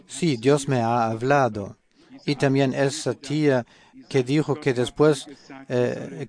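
A man preaching a sermon in a measured way, pausing often with hesitant fillers. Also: medium pitch, darkish tone. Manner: slow, measured delivery with frequent hesitations.

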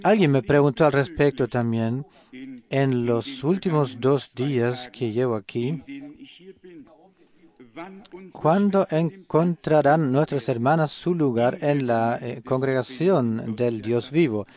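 A man delivers a sermon at an unhurried, deliberate pace. His voice sits at an ordinary middle pitch. He pauses often and fills the gaps with hesitant "eh" sounds as he searches for words. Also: darkish tone. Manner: slow, measured delivery with frequent hesitations. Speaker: preacher.

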